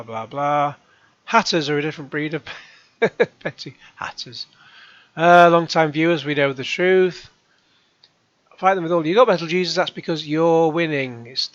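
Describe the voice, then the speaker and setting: A middle-aged man hosting his own channel, reading out comments and answering them with sarcasm and rambling asides, his voice going hoarse. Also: a little high, fairly bright tone, dry recording, lo-fi sound. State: hoarse, coughing. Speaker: YouTube channel host.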